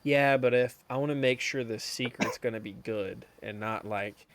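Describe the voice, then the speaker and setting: A man's voice: mid-range voice, moderate pace, a bit bright. A man playing a tabletop game, chatting casually and rambling with fillers. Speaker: player.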